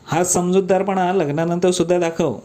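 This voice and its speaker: A bright, teasing young woman in love, as a male storyteller puts her on in a raised voice. She sounds pampered and cheerful and talks with affection. Her voice sits a bit high and carries strongly. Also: fairly even intonation, normal speed, close to an everyday voice. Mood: playful, affectionate.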